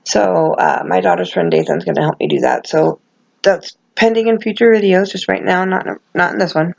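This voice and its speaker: A woman's voice: fairly low pitch, fairly quick, gravelly, muffled recording. A middle-aged woman chatting casually as a vlogger, rambling and self-deprecating, with gummy, toothless articulation and no dentures in. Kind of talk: casual chat to camera.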